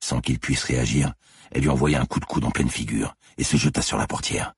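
Very deep, gravelly male narrator. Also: steady tone, no echo, clean studio sound. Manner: measured, dark suspense reading. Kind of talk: audiobook narration.

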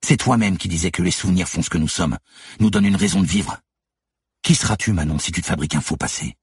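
A man's voice: rumbling low, fairly even intonation, moderate pace, husky, no echo, clean studio sound, full character voice. A man voicing a weary young policewoman, firm and compassionate, speaking through tears. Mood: impassioned. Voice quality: tearful, insistent.

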